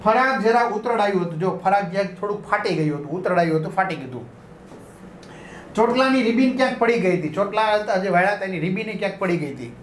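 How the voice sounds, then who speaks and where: A man's voice: high-pitched, animated, fast, slight background noise. A male teacher explaining a school lesson, repeating and rephrasing each line and checking in with his students. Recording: echoey room.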